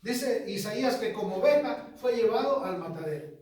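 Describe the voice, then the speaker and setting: A man pastor teaching a sermon, measured, repeating key phrases and putting questions to the congregation. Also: sits high, expressive, darkish tone. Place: church hall. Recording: echoey church from far off.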